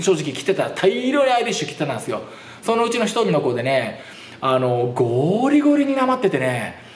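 A man hosting a horse racing channel, talking casually to camera in a rambling, chatty way and laughing often. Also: a little high. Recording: roomy echo.

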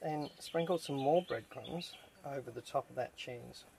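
A man's voice: medium pitch, unhurried, gravelly. A man casually talking through a camp cooking recipe step by step, filmed in a tent camp kitchen. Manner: relaxed, chatty step-by-step instructions. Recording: noisy outdoor camp recording.

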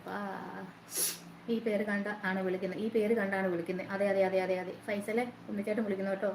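Chatty woman hosting a live stream. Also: medium pitch. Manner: chatty, greets viewers by name. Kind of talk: casual live chat with viewers. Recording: roomy echo, faint noise.

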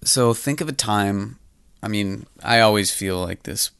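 A male podcast host with a fairly low, smooth, resonant voice, dropping short reactions and asking his guest probing questions. The sound is close and dry. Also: unhurried, fairly bright tone, no room sound. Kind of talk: casual interview.

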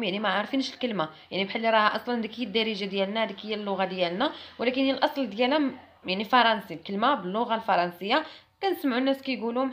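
A young woman with a Moroccan Arabic accent giving a chatty, emphatic French lesson to camera. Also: mid-range voice. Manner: chatty and emphatic, mimics others mockingly. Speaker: French teacher.

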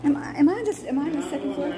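Her high-pitched voice races as this middle-aged woman self-films on a handheld phone in a courthouse's indoor hallways. She chats casually, asking curious, teasing questions. Crowd noise is loud in the background, and the hallway echoes.

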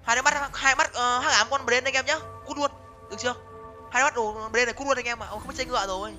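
A young man giving excited live commentary on his game, talking to viewers and repeating words in quick bursts. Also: very high-pitched. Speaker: game streamer. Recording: music playing behind voice.

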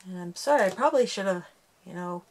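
A woman's voice: on the low side, lively intonation, fast, a little mellow, slight background noise. A woman hosting a casual craft tutorial, chatty and self-deprecating as she talks through each step while working with her hands.

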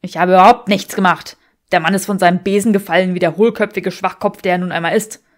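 A woman voicing an arrogant, scornful young wizard in a fan fiction audiobook, firing back loud, clipped retorts close to her own voice. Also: on the low side, steady tone, fast talker, natural voice.

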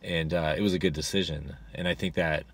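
Low-voiced man talking in his car. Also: steady tone, a little fast, a little hiss or hum. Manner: rambling, full of fillers and restarts. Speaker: rideshare driver vlogger. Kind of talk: casual advice talk to camera. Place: inside a parked car. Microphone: camera on the dashboard.

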